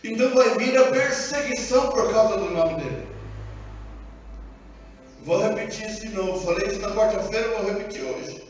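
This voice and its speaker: A man with a Brazilian Portuguese accent preaching a sermon as pastor in a church, animated and acting out dialogue. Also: sits high, moderate pace, pauses often. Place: church sanctuary. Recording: echoey hall from far off, dull sound, music behind.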